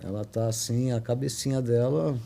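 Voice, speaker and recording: Older Brazilian man, guest storyteller; low gravelly tone, halting delivery with frequent tag questions. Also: warm tone, a little hiss or hum. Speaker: podcast guest. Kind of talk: emotional personal storytelling.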